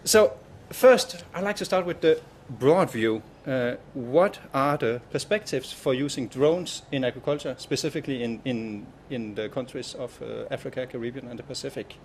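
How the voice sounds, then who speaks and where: A man's voice: medium pitch, moderate pace, hardly any pauses, slight background noise. A man moderating a live-streamed panel at a conference stand, speaking in a welcoming way with frequent hesitations.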